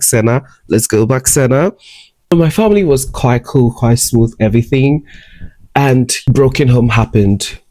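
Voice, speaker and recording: A young Ghanaian man, a vlogger, speaks close to the camera while lying in bed at home, candidly and reflectively recounting his life story. His voice is medium-pitched and warm, with no room sound in the recording.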